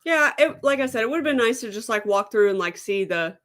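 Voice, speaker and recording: A woman's voice: on the high side, expressive, a bit bright. A woman co-hosting a casual live Q&A stream, chatty and full of "like" fillers. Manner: chatty, filler-heavy, quick to agree.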